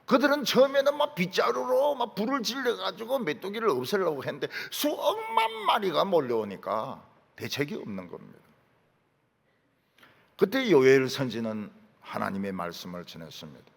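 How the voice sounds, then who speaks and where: A man's voice: high-pitched, wildly swooping pitch, normal speed, vocal fry, long reverb tail. A man preaching a sermon in a large church sanctuary, emphatic, often dropping in short affirmations and rhetorical questions. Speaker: pastor.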